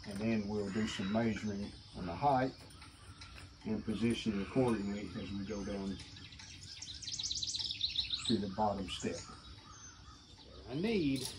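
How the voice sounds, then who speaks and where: A middle-aged man with a lowish voice hosts a how-to video for his DIY channel, speaking plainly and casually, thinking aloud as he works in an outdoor concrete stairwell. The camera mic, at times far away, captures birds and surrounding noise.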